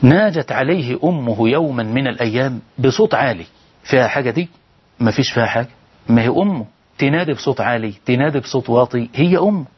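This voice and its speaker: A man's voice: mid-range voice, lively intonation, fast talker, breathy edge, lo-fi sound. A man with an Egyptian accent preaching on a televised call-in show, pleading and firing rhetorical questions at his listeners. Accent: Egyptian Arabic. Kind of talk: televised sermon with callers.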